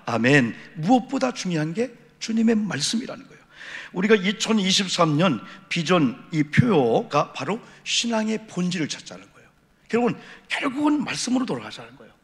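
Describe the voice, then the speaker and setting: A middle-aged male pastor delivers an evening sermon in a church sanctuary, his somewhat high voice roughened by a gravelly edge. He drives his points home with repeated refrains and rhetorical questions, and the sound carries a long echo of the church hall. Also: very animated, fairly quick. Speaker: senior pastor. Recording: echoey church hall reverb.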